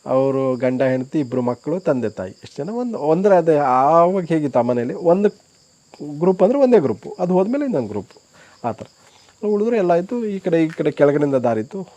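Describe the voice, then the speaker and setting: A man's voice: a little high, big pitch swings, a little fast, mellow, no echo. A man who runs a homestay, earnestly telling stories of his guests in a casual interview. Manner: earnest, reflective storyteller. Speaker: homestay owner.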